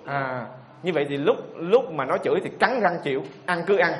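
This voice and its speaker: A man's voice: a little high, expressive, moderate pace, a crowd in the background. A man preaching a sermon, putting questions to the audience and repeating their answers back to them. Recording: echoey hall with faint ambience.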